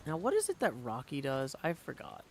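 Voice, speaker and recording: A video game streamer gives casual live commentary, his fairly high voice swooping wildly as he talks briskly, thinks aloud, and sometimes sings little tunes to himself. Video game music plays behind him, with slight background noise.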